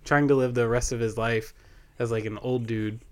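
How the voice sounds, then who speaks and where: A man's voice: medium pitch, fairly even intonation, normal speed, a little mellow. A young man hosting a podcast in casual chat, rambling with lots of fillers and laughing often. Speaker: podcast host.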